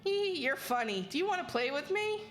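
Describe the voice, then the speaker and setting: A woman's voice: very high voice, animated, fairly quick, soft background music, pitched above the performer's own voice. A woman voicing a creepy little-girl porcelain doll from a video game, with a sweet, cheery, singsong childlike manner, eager to play.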